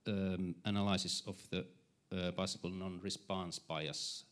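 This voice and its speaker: A man in the audience asking a conference speaker a question, halting and full of fillers. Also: low voice, flat delivery, fairly bright tone.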